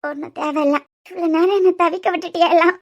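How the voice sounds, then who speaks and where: A woman plays a devoted young wife in a cartoon, anxious and close to tears. Her voice sits very high, soft and pleading, with a Kanyakumari accent. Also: fairly even intonation, fast talker, lo-fi sound. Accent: Kanyakumari Tamil. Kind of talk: cartoon voice acting.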